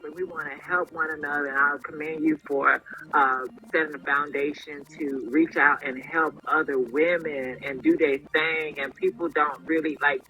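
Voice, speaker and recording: A man hosting a casual interview, praising his guest warmly and encouragingly with lots of fillers. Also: a little high, rough recording. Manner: encouraging and effusive, many fillers. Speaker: host.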